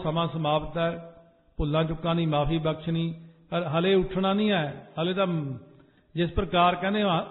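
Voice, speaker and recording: A man preaching a Sikh sermon to a congregation, telling stories and sometimes chanting phrases. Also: high voice. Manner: storytelling, exhorting the congregation. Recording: phone-like echoey hall recording.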